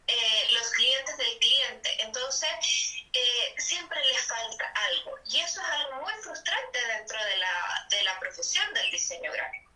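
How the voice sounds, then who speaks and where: A woman's voice: sits high, sharp tone. A young woman from Bolivia, a guest in a casual interview, talking reflectively in long flowing sentences with restarts. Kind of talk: casual conversation. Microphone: video call. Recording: echoey, distant phone line.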